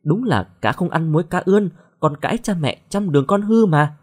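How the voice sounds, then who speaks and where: A man voicing a blunt, sharp-tongued middle-aged mother in an audio story, scolding her daughter. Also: high voice, lively intonation, brisk, pitched above the performer's own voice.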